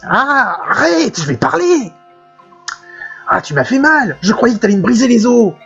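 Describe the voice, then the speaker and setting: A man puts on a nervous young thief who talks in a high, pleading voice. The voice is husky and jumps around a lot. It is a dull lo-fi recording with faint game music behind it. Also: big pitch swings, a little slow, a bit bright, exaggerated voice. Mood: pained. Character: young male thief, jumpy and eager.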